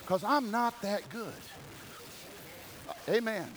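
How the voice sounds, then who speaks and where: A man's voice: high-pitched, animated, takes it slowly, background noise. A man preaching a sermon as a pastor, exhorting his congregation with repeated key phrases and calls for amens. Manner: swings from quiet talk to loud emphatic cries. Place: church sanctuary during a service.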